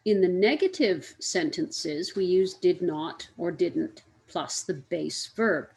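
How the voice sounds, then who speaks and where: A woman with a fairly low voice explains grammar rules in a slow, deliberate way. She spells out letters one by one and repeats each example word so learners can follow. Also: animated, creaky, darkish tone, low-quality recording. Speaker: English teacher. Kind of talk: grammar lesson.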